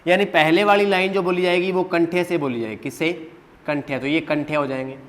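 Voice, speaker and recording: A man's voice: a little high, fairly even intonation, fairly quick, fairly bright tone. A man teaching a grammar lesson at a board, quizzing his students with questions and answering them himself, drilling letters one by one.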